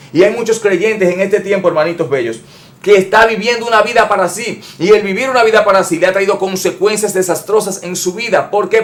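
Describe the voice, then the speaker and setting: A man pastor preaching an emphatic sermon, repeating phrases and speaking straight to his listeners as brothers. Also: high voice. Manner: addresses listeners directly as brothers.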